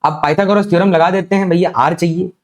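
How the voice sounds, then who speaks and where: A man giving a physics lecture, explaining slowly and deliberately and often checking that students follow. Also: high voice, fairly even intonation. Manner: slow, deliberate explaining with frequent check-ins. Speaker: physics teacher.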